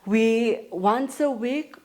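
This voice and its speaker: A counselor in her forties from South Africa speaks as a podcast guest in casual interview talk. She is steady and matter-of-fact, pausing frequently, and her voice is a little high.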